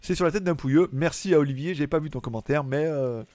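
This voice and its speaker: A man's voice: fairly high pitch, fast talker, dark tone, dry recording. A man hosting a live stream, casually chatting and reading out viewer comments, joking and chuckling often in rambling asides.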